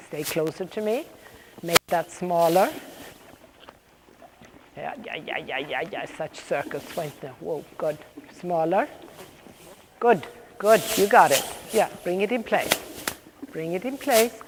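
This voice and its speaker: A woman coaching riding live, calling out brisk, projected commands in short repeated phrases, with brief praise between them. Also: mid-range voice. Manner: directive, interspersed with brief praise. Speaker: riding clinician coaching horse and rider. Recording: echoey riding hall with background noise.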